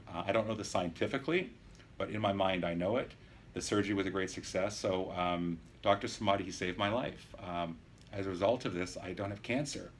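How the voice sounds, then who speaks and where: A man in his early fifties recording a casual video diary as a patient, explaining things in an earnest, measured, halting way. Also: low voice, a little hiss or hum. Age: early 50s. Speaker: patient sharing his surgery experience. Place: private hospital room.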